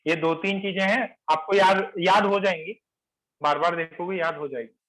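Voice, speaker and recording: This chemistry teacher explains in Hindi, slipping in English phrases, and keeps repeating key terms while quizzing the class during his lecture. He speaks at normal speed in a high, slightly bright voice, and the audio is poor.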